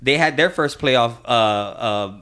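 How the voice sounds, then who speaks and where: A man with a medium-pitched voice co-hosts a casual podcast. He tells everyday anecdotes in a colloquial, rambling style, talking as if among friends. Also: takes it slowly, pushed and bright, slight background noise. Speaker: podcast co-host.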